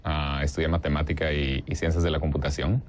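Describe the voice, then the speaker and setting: A man's voice: a bass voice, level tone, brisk, darkish tone. A young man from Guatemala, answering interview questions in a hesitant way, with many fillers and restarts. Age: young adult. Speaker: interview guest.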